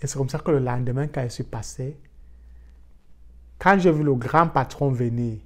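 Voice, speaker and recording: A man from Africa telling a casual personal story for his vlog in a lively way, dropping in English words. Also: medium pitch, normal speed. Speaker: vlogger.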